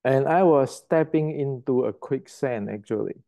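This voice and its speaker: A man's voice: medium pitch, a little slow, creaky, mellow. An older man from Indonesia, giving a blunt, emphatic martial arts lecture to the camera and repeating words as he searches for them.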